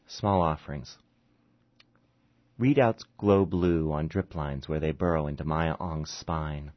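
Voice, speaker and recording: A very deep-voiced man reads his own short story aloud, steady in the prose and halting with fillers when he chats. The recording is dull and lo-fi.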